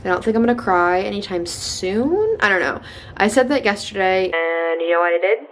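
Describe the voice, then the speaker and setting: A woman's voice: mid-range voice, lively intonation, moderate pace, slight background noise, rough recording. A young woman vlogger chatting casually to a camera in a home kitchen. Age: young adult. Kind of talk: casual vlog chat.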